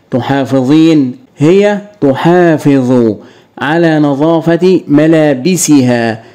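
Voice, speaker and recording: A man's voice: fairly high pitch, mellow. A man with an Egyptian accent teaching a grade-school grammar lesson, explaining step by step and asking and answering his own questions.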